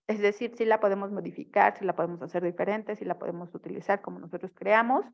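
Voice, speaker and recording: This woman's mid-range voice is gravelly and fairly even in intonation, and she speaks fast on a recording with the highs cut off. She's giving an online family therapy lecture, explaining things and frequently asking students whether they understand.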